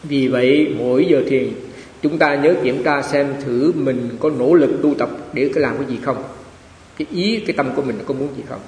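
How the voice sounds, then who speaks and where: A man's voice: mid-range voice, moderate pace, a little mellow. A man, a monk giving a Dharma talk in a chatty storytelling way, often repeating phrases. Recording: echoey hall with faint hiss.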